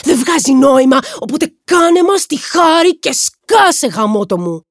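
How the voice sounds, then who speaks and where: Female narrator voicing a volatile young man, shouting, husky edge. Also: fairly low pitch, animated, no echo, studio quality. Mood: furious. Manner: shouting, swearing outbursts. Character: angry young man, brother, quick-tempered.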